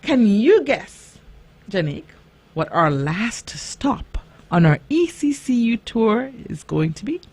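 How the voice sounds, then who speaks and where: A woman's voice: mid-range voice, very animated, slow, a little mellow, husky. A woman speaking as a kids' show host, teaching children in simple phrases and checking in with questions.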